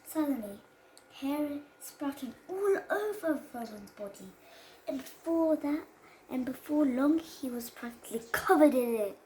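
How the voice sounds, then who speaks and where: A child with a high voice reads a children's story aloud. The reading stumbles and restarts phrases. The sound is roomy, with faint noise behind it. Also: animated, unhurried, a little mellow. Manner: stumbles over words and rereads phrases. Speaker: child reader presenting a storybook. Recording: roomy echo with background noise.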